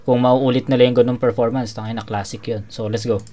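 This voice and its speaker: A man's voice: mid-range voice, flat delivery, brisk, dark tone. Casual male battle reviewer. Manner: casual, swearing, many restarts. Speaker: battle judge reviewing a match.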